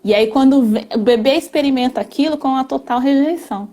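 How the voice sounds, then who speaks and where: A woman's voice: high-pitched, fairly quick, dark tone. A woman, a family constellation therapist, explaining earnestly with frequent hesitations and tag questions. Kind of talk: explanatory conversation.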